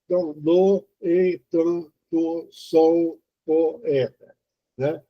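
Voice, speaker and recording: A man from Brazil giving an informal spoken lesson on poetry, halting and explanatory, with many fillers and restarts. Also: fairly high pitch, flat delivery. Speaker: poetry teacher. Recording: dull lo-fi recording.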